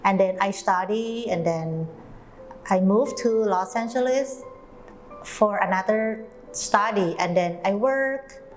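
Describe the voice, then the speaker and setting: A woman's voice: medium pitch, slow pace, soft background music, poor audio. A woman from Thailand telling her story in an interview, chatty, with simple grammar. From Chiang Mai, Thailand. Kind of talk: personal storytelling.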